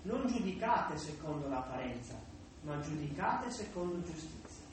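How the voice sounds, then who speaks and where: Jesus, a solemn grown-man teacher, read aloud by a man. Distant mic, very echoey room, steady background noise. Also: on the high side, moderate pace. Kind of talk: scripture reading.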